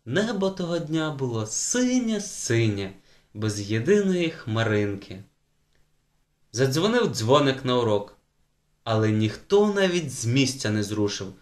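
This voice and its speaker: A man narrating a children's audiobook with lively, varied emphasis. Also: medium pitch, a little slow. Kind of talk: scripted narration.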